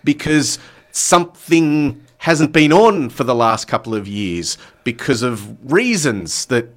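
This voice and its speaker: Expressive man reviewing a board game. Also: medium pitch, takes it slowly. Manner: thoughtful, with many fillers. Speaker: podcast co-host. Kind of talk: casual podcast chat.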